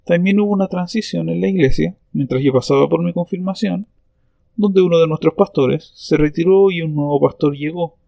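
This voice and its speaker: Brief: gravelly, fairly high male interview guest, reflective and hesitant, dry close sound. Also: mellow, no echo. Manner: thoughtful, reflective, with hesitant pauses. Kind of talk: conversational interview answers.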